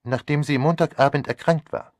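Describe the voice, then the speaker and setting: A man reading an audiobook voices a fastidious elderly male detective who asks polite, measured questions. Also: fairly high pitch, steady tone, no echo, clean studio sound, voice pushed up, close to an everyday voice. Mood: probing. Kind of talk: audiobook character voice.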